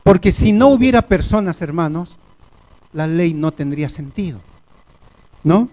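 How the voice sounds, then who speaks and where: Male preacher, Argentine Spanish accent, high-pitched, slow and deliberate sermon delivery. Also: expressive, darkish tone. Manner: slow, deliberate preaching, often addressing the congregation as brothers. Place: church.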